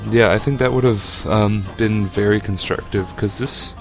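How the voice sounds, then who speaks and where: A man's voice: on the low side, steady tone, moderate pace, over music. A young man giving casual, rambling commentary over a video game battle, with lots of fillers and restarts.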